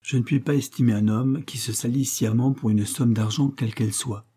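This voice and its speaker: A man's voice: medium pitch, fairly even intonation, brisk, dark tone, breathy edge, close to an everyday voice. A man reading aloud the tender, moralizing letter of an earnest young wife.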